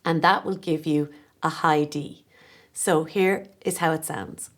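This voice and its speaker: A woman in her forties with a Kerry Irish accent, giving a gentle, encouraging, step-by-step tin whistle lesson. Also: low voice, steady tone, measured pace, heavy background noise. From Ireland (West Kerry).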